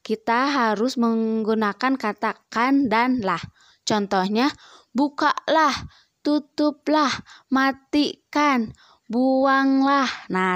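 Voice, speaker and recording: Slow patient woman teacher. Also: a little high, no echo. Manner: slow, patient explaining with many teaching prompts. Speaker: primary school teacher. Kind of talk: recorded grammar lesson for young children.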